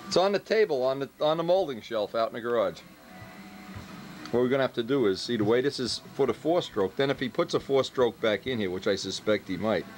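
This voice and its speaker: A man giving casual hands-on workshop commentary, joking and teasing his helpers as he instructs them. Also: mid-range voice. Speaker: host, model plane builder directing helpers.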